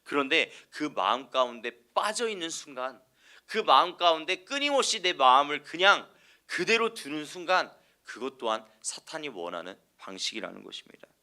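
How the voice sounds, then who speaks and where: A man preaching at an early morning service in a bright, ringing voice that sits a bit high for a man. His pitch swings widely as he poses questions to the congregation and answers them. The delivery is earnest and emphatic. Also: big pitch swings, moderate pace. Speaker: evangelist. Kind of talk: sermon.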